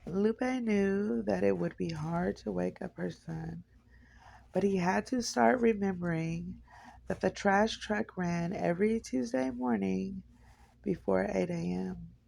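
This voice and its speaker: Slow, very gravelly woman reading a novel. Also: mid-range voice, dark tone, a little hiss or hum, poor audio. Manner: unpolished reading with self-corrections and rereads. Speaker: audiobook narrator.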